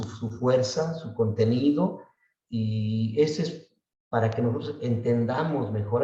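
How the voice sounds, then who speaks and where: A man teaching a slow Bible study class, often checking in with his listeners and drawing out the words he repeats. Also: medium pitch, warm tone. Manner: unhurried, often asks "¿verdad?" and draws out words he repeats. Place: church room. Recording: echoey room, voice far from the mic, dull sound.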